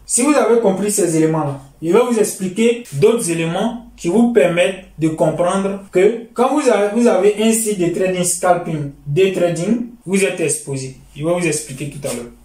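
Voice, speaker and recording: A man's voice: sits high, a little mellow. A man teaching trading to his students in a lecture, explaining step by step and often repeating himself. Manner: explanatory, repeats phrases, addresses "chers amis". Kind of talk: lecture over charts. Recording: roomy, distant mic.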